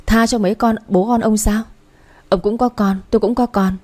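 A commanding young father in an audio story, read by a woman, protective and quick to anger. His voice sits mellow and soft-edged in the telling, close and intimate. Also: sits high, fairly even intonation, pitched above the performer's own voice, natural voice. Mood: furious. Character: wealthy young father, fierce when crossed.

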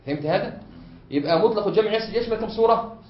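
A higher-pitched man with an Egyptian accent teaches a classroom lesson as a sheikh, building each point step by step and checking that his students follow. He leans on drawn-out hesitation fillers between phrases. The recording is dull and lo-fi, with plenty of room echo. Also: expressive. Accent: Egyptian Arabic. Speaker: sheikh teaching a study circle. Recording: echoey room, dull lo-fi sound.

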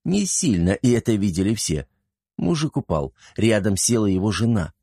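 A man narrating a fantasy audiobook in a brisk, vivid storytelling manner. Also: lowish voice, very animated, warm tone, dry recording, clean studio sound.

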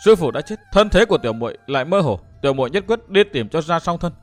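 A man's voice: fairly high pitch, expressive, very fast, soft background music. A man reading a story aloud and voicing a fiery, sulky young woman who scolds sharply and breaks into tears. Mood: angry tearful. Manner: sharp, scolding, tearful outbursts.

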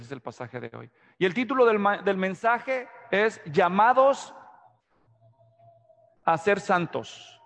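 A man's voice: sits high, in a large hall. A man from Mexico preaching an expository sermon, often asking the congregation questions. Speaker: pastor.

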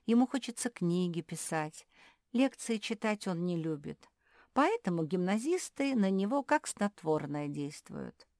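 A woman voicing a sensible young pupil who calmly explains his teacher's habits. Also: fairly low pitch, a little slow, dry recording, studio quality. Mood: matter-of-fact.

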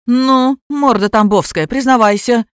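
A woman voicing a crude, loud, stout older grandmother who bosses and yells at everyone. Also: a little high, unhurried, clean tone, dry recording, studio quality, close to an everyday voice. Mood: shouting. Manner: coarse, bossy, yelling.

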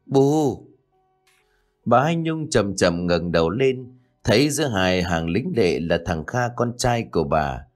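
A man with a low voice narrates an audiobook in a measured storytelling manner. Soft music plays faintly behind him. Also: expressive.

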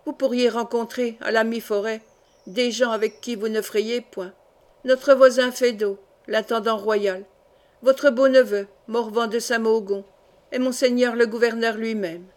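A woman reading the part of a scheming male steward in a smooth, sly tone. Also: fairly high pitch, fairly even intonation, measured pace, darkish tone, lightly acted.

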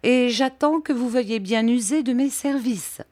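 A woman voicing a proud, pugnacious English male detective who speaks high and excited. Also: a little slow, dry recording, close to an everyday voice. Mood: indignant.

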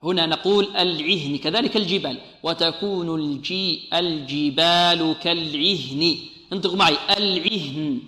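A man teaching a Quran recitation lesson, who patiently sounds out letters slowly and often praises and blesses his students. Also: a little high, pushed and bright. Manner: patient, demonstrates sounds slowly and repeats them. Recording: echoey hall reverb.

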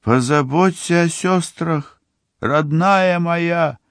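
A man's voice: fairly high pitch, fairly bright tone, no echo, studio quality, pitched above the performer's own voice. Man voicing a weeping old mother. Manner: crying, drawn-out, broken. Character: weak, weeping older mother. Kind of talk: audiobook character voice.

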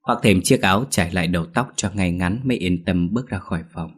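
A man's voice: sits low, fast talker, husky. A man narrating a scripted period drama story, reading every character's lines in much the same voice. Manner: reads dialogue of all characters in near his own voice.

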